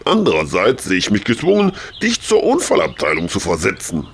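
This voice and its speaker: A man's voice: fairly low pitch, huge pitch swings, fairly quick, slight background noise. A man voicing a distant heavenly boss who is weary, sighing and crafty. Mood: wheedling.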